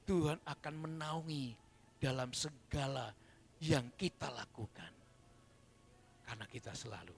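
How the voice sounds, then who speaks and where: A man preaching a sermon at a church service, dropping to soft murmurs and rising to loud fervent shouts. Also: medium pitch, gravelly. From Indonesia. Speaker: pastor.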